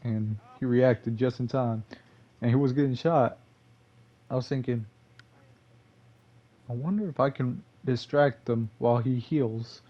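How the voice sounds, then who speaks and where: A man's voice: medium pitch, fairly even intonation, unhurried, long pauses, highs cut off. A man giving casual gameplay commentary, rambling and correcting himself, chuckling often.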